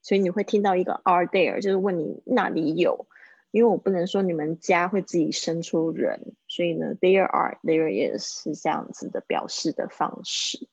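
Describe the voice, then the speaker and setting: A woman with a low, gravelly and husky voice teaches English in a live-streamed lesson. She chats along and slowly repeats phrases for her listeners to practice. The sound is dry and somewhat dull. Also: darkish tone, no echo.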